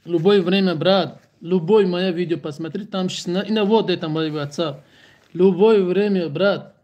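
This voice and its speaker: High-voiced Tajik man, joking livestream chat. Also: normal speed, darkish tone. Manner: joking, speaks broken Russian in short repetitive bursts. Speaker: livestream host. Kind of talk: casual livestream chat with viewers.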